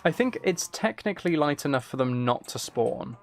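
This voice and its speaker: A game livestream host chats casually as he plays, muttering to himself, repeating phrases, and reading and answering messages from viewers. His voice is a little high and animated, at normal speed.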